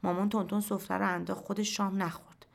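A woman reading a short story aloud in first person, in a quiet, measured storytelling voice. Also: mid-range voice, level tone, gravelly. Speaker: narrator. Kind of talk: scripted narration of a short story.

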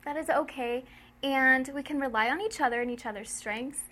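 A woman's voice: sits high, fairly quick, sharp tone. A woman co-hosting a casual show chat, giggly and playful as she talks. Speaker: podcast co-host.

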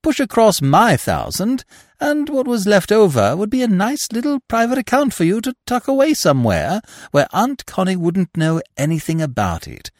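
A man voicing an excitable, chattering young upper-class Englishman in a storybook reading. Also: moderate pace, no echo, clean studio sound. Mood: eager. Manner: eager, chattering, high-spirited.

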